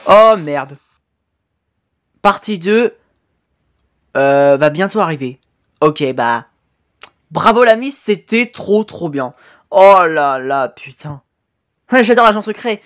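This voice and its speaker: Excitable French man with a lively, high voice. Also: takes it slowly, pauses often. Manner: excitable, swears often, exclaims at the screen; hesitant fillers and self-corrections. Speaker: YouTube reaction host. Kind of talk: casual reaction commentary.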